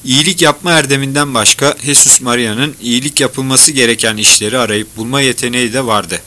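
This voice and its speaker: A man reading a novel aloud in a measured storytelling manner. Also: mid-range voice, fairly even intonation, bright, forceful tone. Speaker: audiobook narrator. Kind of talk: scripted novel narration.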